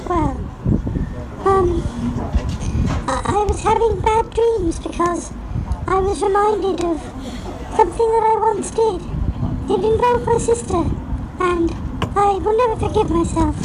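A performer voicing a timid, sad male alien who talks haltingly and formally, heard over loud traffic noise. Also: very high voice.

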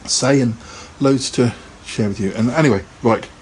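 A man's voice: mid-range voice, moderate pace, darkish tone, slight background noise. A man hosting a casual live podcast, chatting in a rambling way and laughing often. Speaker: podcast host.

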